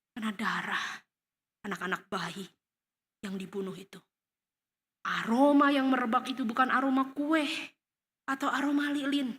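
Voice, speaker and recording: A woman preaching a sermon in a church hall, with an Indonesian accent, telling the story dramatically and crying out in the voices of the people in it. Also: fairly high pitch. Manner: dramatic, acts out scenes with sudden loud cries. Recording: long hall reverb.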